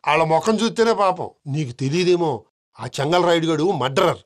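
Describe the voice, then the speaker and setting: Male actor as scheming phone caller, high voice, very quick chatter. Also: expressive, natural voice. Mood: conspiratorial. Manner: conspiratorial, chatty phone talk. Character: gossiping scheming caller, badmouths rivals.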